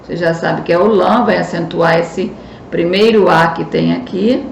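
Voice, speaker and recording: A woman's voice: on the low side, fairly even intonation, normal speed, creaky, lo-fi sound. A Brazilian woman teacher with a Brazilian Portuguese accent, patiently explaining a recorded school lesson and stressing key words. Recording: echoey room, faint noise.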